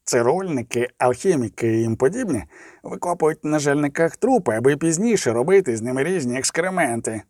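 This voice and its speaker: Man playing a suspicious dwarf, blunt and gruff, lively swooping pitch, dry close sound. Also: fairly quick, no room sound, lightly acted. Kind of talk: audiobook character reading.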